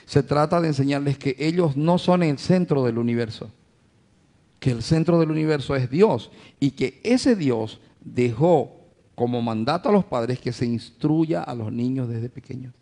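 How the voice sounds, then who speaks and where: A man's voice: medium pitch, lively intonation, measured pace, dark tone. A male pastor preaching a sermon to his congregation, addressing them as brothers, asking rhetorical questions and acting out everyday family scenes.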